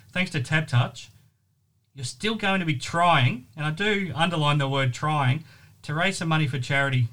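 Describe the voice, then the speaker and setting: A man's voice: a little high, fairly bright tone. A man hosting a basketball talk show in a casual, upbeat chat. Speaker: basketball podcast host.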